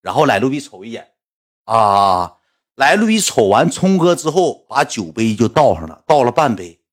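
A man with a Northeastern Mandarin accent, a livestreamer telling stories to his viewers in a chatty, animated way, acting out quotes. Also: mid-range voice, normal speed. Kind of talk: casual storytelling to viewers.

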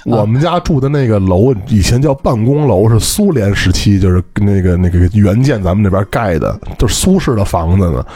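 A man's voice: on the low side, lively intonation, a little fast, hardly any pauses, dark tone, husky. A man from Beijing with a Beijing accent, chatting casually as a podcast co-host and telling stories while checking that listeners follow. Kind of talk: casual chat.

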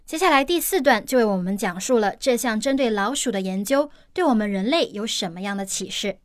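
A woman's voice: medium pitch, expressive, fairly quick, no echo, clean studio sound. A woman teacher explaining an English news article in steps, with everyday examples.

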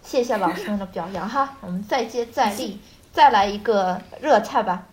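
A woman host chats casually. Her pitch is average for a woman. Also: moderate pace. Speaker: host learning Shanghainese. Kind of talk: casual chat.

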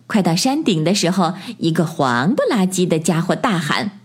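A woman's voice: fairly low pitch, sing-song, breathy edge. A woman narrating a bedtime story for children in a lilting storybook voice. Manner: slow, lilting storybook delivery.

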